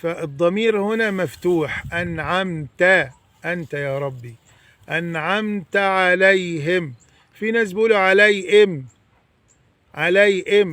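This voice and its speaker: A man with an Egyptian accent teaching correct Quran recitation, stretching out example words slowly and then explaining quickly. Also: sits high, a bit bright, no echo. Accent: Egyptian Arabic. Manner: slow drawn-out demonstration recitation between quick explanations. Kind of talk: tajweed lesson correcting recitation mistakes.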